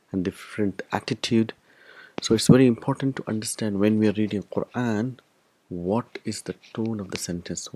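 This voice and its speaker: Man, lowish voice, patient step-by-step lesson, dry close recording. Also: warm tone, dry recording. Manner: explains step by step, repeats key terms. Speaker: Arabic teacher.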